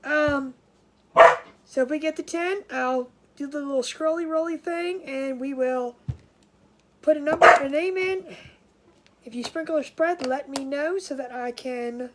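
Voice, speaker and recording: A woman with a high voice hosts a casual craft livestream from home, speaking unhurriedly over heavy background noise. She sounds nasal and congested, and her chat is scattered, full of laughs and restarts.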